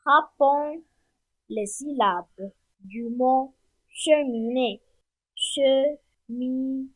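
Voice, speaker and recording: A woman giving a primary-school phonics lesson, with slow, clear, repeated instructions for children. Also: high-pitched, animated. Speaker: teacher.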